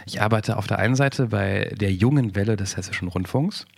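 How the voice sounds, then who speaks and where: A man's voice: on the low side, fairly quick, vocal fry. Forty-something man musing in a podcast chat. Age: 40s. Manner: thoughtful, rambling with many restarts and fillers. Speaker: podcast co-host. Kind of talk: casual podcast conversation.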